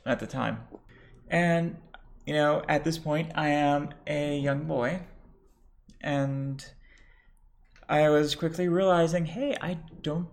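A man's voice: fairly high pitch, gravelly. A man in his forties co-hosting a casual podcast, telling a personal story with wry, sarcastic asides. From United States. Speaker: podcast co-host.

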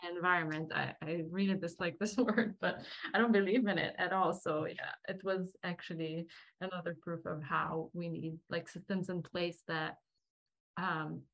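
Appearing as a guest on an interview, a performing artist and acting teacher from Lebanon, in her thirties, chats casually and laughs frequently. Her fairly low voice is steady, creaky and a bit bright at a moderate pace, captured in a rough recording.

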